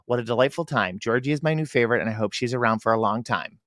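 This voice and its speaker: A podcast co-host in casual chat, reading listener emails aloud in a relaxed way. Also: mid-range voice, fast talker, no room sound, clean studio sound.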